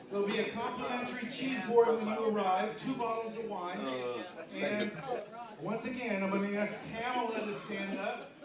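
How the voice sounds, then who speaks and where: A man working as a live auctioneer at a charity event, repeating bid amounts and bantering informally with bidders. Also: high-pitched. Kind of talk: live auctioneer calling bids. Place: large indoor event room, amplified to audience. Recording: echoey large hall with loud crowd, distant mic.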